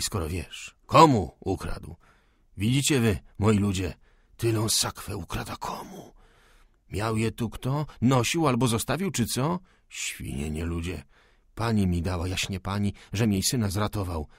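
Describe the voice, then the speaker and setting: A quarrelsome old peasant cook, suspicious and crude, muttering in thick rustic dialect, as a male audiobook narrator puts him on. His voice is low, gravelly and husky. It sounds dry, with no room echo. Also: animated, unhurried, heavily acted. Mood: grumbling. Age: over 60. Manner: rustic peasant dialect speech, coarse and grumbling.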